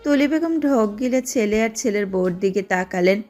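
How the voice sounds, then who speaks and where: A woman giving steady, scripted narration of an audio drama. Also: mid-range voice, moderate pace, soft background music. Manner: steady storytelling.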